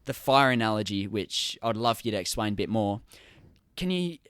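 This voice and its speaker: A man's voice: fairly low pitch, lively intonation, fairly quick, a bit bright, smooth, no echo. A man with an Australian accent hosting a podcast, asking long, enthusiastic, rambling questions. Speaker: podcast host. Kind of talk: casual podcast interview.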